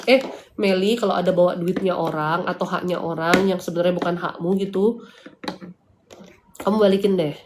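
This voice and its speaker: A woman's voice: on the low side, steady tone, normal speed, long pauses, noisy background. A woman from hosting a live spiritual consultation, blunt and chatty, mixing preaching with slangy asides. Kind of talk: casual livestream talk, answering viewers. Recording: echoey room.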